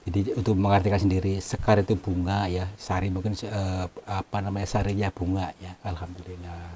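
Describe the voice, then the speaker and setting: A man's voice: low voice, level tone, a little fast, warm tone, a little hiss or hum. Hesitant apologetic man in a cave. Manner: hesitant, apologetic, many fillers. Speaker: cave-exploring vlogger. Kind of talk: hushed polite on-location talk.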